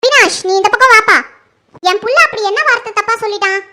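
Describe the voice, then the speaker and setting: A woman's voice: very high-pitched, fast, background noise. A woman playing a protective mother who defends her son in a family drama. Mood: defensive. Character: protective middle-aged mother.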